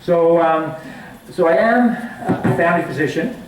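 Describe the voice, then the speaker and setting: Speaking fairly high and with lively intonation, a Canadian family physician in middle age takes his time as guest speaker at a community forum, restarting often and using many fillers in a chatty talk. The community hall meeting room echoes, and the handheld mic is recorded from a far camera with background noise.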